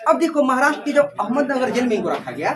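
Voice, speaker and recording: A man's voice: very high-pitched, very animated, quick pace. A man teaching a class, firing questions and having students chant the answers back, sometimes telling them to stop the noise. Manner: scolds students for making noise. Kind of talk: classroom lecture with call-and-response drilling. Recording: distant mic, noisy class chatter.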